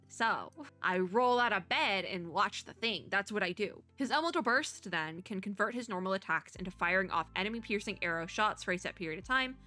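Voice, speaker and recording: Music plays behind a VTuber reaction host as she casually talks through a game, her voice bright, forward and medium in pitch. She's animated and rambling, thinking out loud and moving back and forth between reading and commenting.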